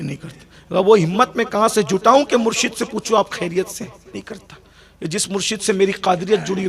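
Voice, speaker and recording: Gravelly high-voiced preacher man. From India. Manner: builds from soft storytelling to loud, shouting, sing-song emotional climaxes. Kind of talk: Urdu religious sermon. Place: large gathering at a religious festival.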